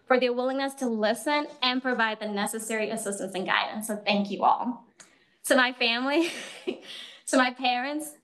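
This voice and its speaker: A young Kenyan-accented woman, a PhD candidate, delivers a thank-you speech at her thesis defense before an audience, laughing often between phrases. Her voice is fairly high and a bit bright.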